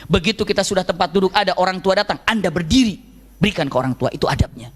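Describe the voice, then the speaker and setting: Male preacher, high voice, animated storytelling sermon. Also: fast. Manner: lively storytelling, acts out quoted voices, frequent laughter.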